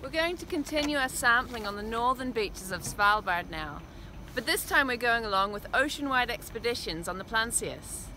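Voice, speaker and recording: Woman, marine researcher, high pitch, explanatory, outdoors, noisy wind and waves. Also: animated, normal speed, bright, forceful tone. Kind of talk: field documentary narration. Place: outdoors on a shoreline.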